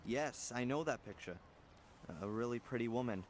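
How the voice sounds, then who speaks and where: A man's voice: medium pitch, moderate pace, a little hiss or hum, close to an everyday voice. A man playing a hesitant young student hero. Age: young adult. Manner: hesitant, full of uhs. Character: polite young male student protagonist. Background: game music.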